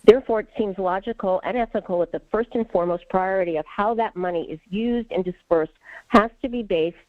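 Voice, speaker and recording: A woman's voice: mid-range voice, brisk, dry recording. A woman calling in over a clipped phone line, giving an earnest, formal public comment to a board. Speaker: caller at public meeting. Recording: tinny dry phone line.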